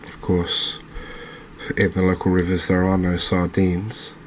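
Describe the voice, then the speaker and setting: Speaking in a gentle ASMR style, this low-voiced man hosts a gaming video and comments on his play. His tone barely shifts as he thinks aloud at a slow, easy pace with pauses, while soft ambient sound lingers behind him.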